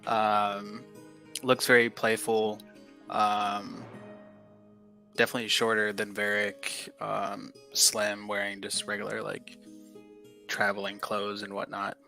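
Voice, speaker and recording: A man with a creaky, fairly low voice plays a tabletop game. His casual descriptions come slowly and haltingly, in a level tone. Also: completely flat delivery, sharp tone, soft background music.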